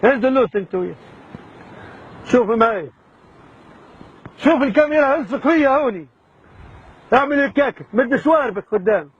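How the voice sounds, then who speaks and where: A man's voice: extremely high pitch, expressive, a little fast, pauses often, slightly rough, dull audio. A man, a hidden camera prankster who coaxes his victim with repeated reassurances. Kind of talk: coaxing, then apologetic.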